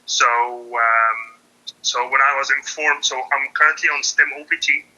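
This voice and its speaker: A man's voice: mid-range voice, fairly even intonation, unhurried, pushed and bright, lo-fi sound. A young man from Qatar, a laid-off engineer, talking hesitantly with many fillers and restarts over a call. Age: young adult. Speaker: laid-off engineer seeking career advice.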